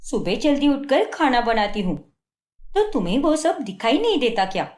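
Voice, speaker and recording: Woman doing a young cartoon wife, high lively voice, pleading, defensive. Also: normal speed, roomy sound. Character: patient young wife, hardworking and hurt.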